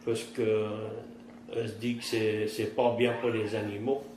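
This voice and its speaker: A man's voice: fairly low pitch, level tone, normal speed. A man in his fifties with a Cajun French accent, plain-spoken in rural vernacular, recounting his life in an interview. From southern Louisiana, United States. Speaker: interviewee, trapper and fisherman. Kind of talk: oral-history interview, recounting past life. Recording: roomy echo, faint background noise.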